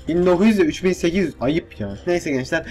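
A young man giving casual let's-play commentary, excitable and swearing, with frustrated outbursts. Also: on the high side, quick pace, faint music behind. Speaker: gaming YouTuber.

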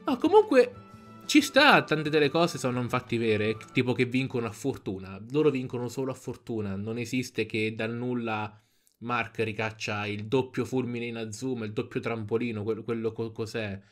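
A man's voice: mid-range voice, normal speed. A young adult man giving casual reaction commentary on a headset mic. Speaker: reaction video creator. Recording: video audio and music behind.

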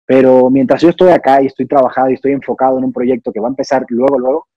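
A young man from Cuba speaks in a casual interview. His voice is dark and husky, and he explains his ideas thoughtfully, with many restarts. The sound is dry and a little dull. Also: mid-range voice, steady tone, racing, no room sound. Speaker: actor and singer, interview guest.

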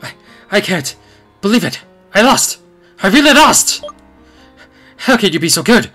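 A bitter shadow double from a video game, acted out by a player, full of theatrical villain menace. The voice is bright and swings widely in pitch, jealous and unhinged, with music behind it. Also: sing-song, unhurried, exaggerated voice. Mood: anguished disbelief.

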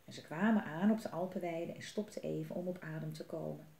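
A woman reading a children's book aloud in a lively, expressive way. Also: deep voice, brisk, creaky, reverberant. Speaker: storyteller.

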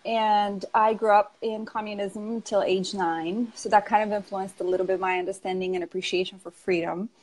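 A woman in her thirties from Romania, speaking with a Romanian accent as a coaching guest on a video call, explaining ideas slowly and thoughtfully with small laughs. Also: mid-range voice, fairly even intonation, a little mellow, poor audio. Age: 30s. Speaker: emotional health coach, guest. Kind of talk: casual interview talk.

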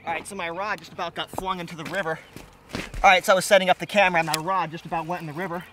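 A young man vlogging a fishing trip outdoors, talking in an animated way and exclaiming often. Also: sits high, very fast. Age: young adult. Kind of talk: excited outdoor vlog commentary. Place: outdoors by a river and creek. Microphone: action camera on the body and at arm's length. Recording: faint outdoor noise from an action camera.

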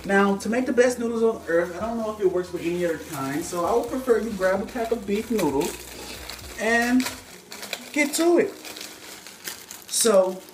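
A young man with a high, expressive voice speaks at a moderate pace, pausing at length, over some background noise. He hosts a jokey home cooking video, posing as an expert and teasing viewers while moving around the stove. The echoey kitchen is recorded indoors by a phone camera on a stand several feet away.

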